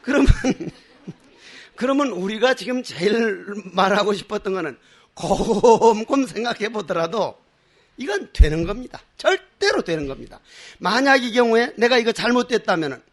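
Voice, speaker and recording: A man's voice: sits high, big pitch swings, normal speed. An older man, a Buddhist monk giving a dharma talk with passion and emphasis, acting out the people he quotes. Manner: impassioned, emphatic; acts out quoted voices, laughs at his own stories.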